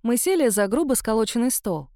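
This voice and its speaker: A woman narrating a first-person novel in a steady, expressive audiobook reading. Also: a little high, a little fast, no room sound, studio quality.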